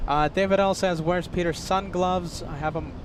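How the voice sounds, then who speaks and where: A man's voice: sits high, steady tone, normal speed. A man hosting a casual livestream, chatting and thanking viewers by name, often repeating himself. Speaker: livestream host. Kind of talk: casual live chat, reading out viewer comments. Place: outdoors by an airport. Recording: outdoors with clear traffic and vehicle noise.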